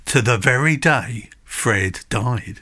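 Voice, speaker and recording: A man co-hosting a comedy chat tells a ghost story in a dry, rambling way, teasing his partner as he goes. His voice is bright and forward. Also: medium pitch, expressive, slow pace, husky. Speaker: co-host.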